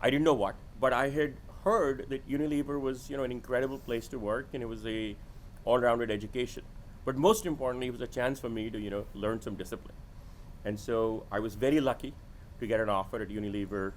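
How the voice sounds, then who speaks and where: This venture capitalist guest, a middle-aged man born in India who grew up in Sudan and Nigeria, speaks a little fast with a medium pitch and steady tone. He's candid and self-deprecating, telling his story conversationally in an interview. The audio is poor, with slight background noise.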